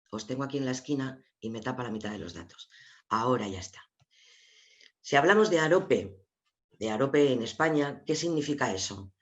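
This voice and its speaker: Asturian guy explaining stats on a webinar, middle pitch, kinda dull lo-fi sound. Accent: Asturian Spanish. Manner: explanatory, addresses viewers directly, sharing slides. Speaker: webinar presenter. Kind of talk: online seminar presentation.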